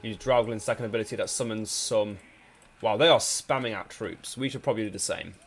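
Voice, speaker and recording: Casually narrating a strategy game while nursing a mild cold, this man has a lowish, slightly rough voice and a brisk pace. His commentary is full of hesitation, ums and false starts.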